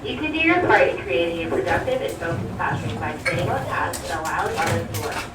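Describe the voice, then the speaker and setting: A woman's voice: on the low side, lively intonation, brisk. Woman's voice over a school intercom. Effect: over a school intercom loudspeaker. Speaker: school announcer. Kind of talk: reading morning announcements. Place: classroom hearing the intercom. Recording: echoey loudspeaker heard from far off with background noise.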